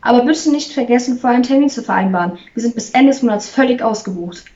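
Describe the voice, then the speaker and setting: A woman's voice: on the high side, animated, fast, darkish tone, lightly acted. A woman voicing a polite, businesslike male event organizer. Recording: slightly distant, muffled recording.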